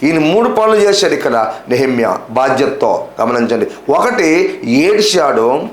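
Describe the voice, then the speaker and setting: A man preaching a sermon as pastor, firing repeated rhetorical questions at his listeners and slowing down, low and soft, on key words. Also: sing-song. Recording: echoey room.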